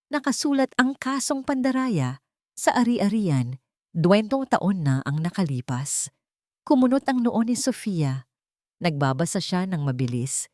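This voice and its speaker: A woman with a Filipino accent narrates a scripted dramatic story. Her voice is fairly low and a little mellow, recorded dry with clean studio sound.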